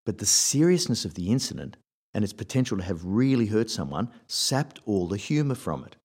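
A man's voice: fairly low pitch, very animated, a little fast, a little mellow, slightly rough. A man, hosting a scripted advice talk and telling workplace anecdotes in a wry, conversational way.

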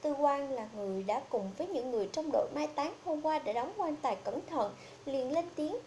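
High-voiced woman narrating a horror story. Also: expressive, brisk, warm tone, slight background noise. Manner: reads every character herself, little change of voice.

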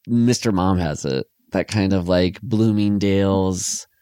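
Low-voiced man, rambling podcast co-host. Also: measured pace, mellow, clean tone, no room sound, clean studio sound. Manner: jokey, rambling, trailing off into fillers. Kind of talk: casual film discussion.

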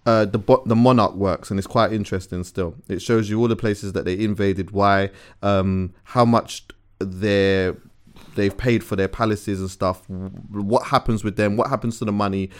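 Male co-host, slightly deep voice, loose and rambling conversational delivery. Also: steady tone, moderate pace. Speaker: podcast co-host. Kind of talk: casual rambling chat.

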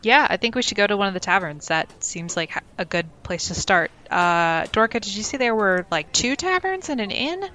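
A woman's voice: mid-range voice, animated, moderate pace, hardly any pauses, bright, forceful tone, slight background noise. A woman playing a tabletop game, talking casually and hesitantly with many fillers. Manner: hesitant, full of "like" and "uh". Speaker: player and co-host.

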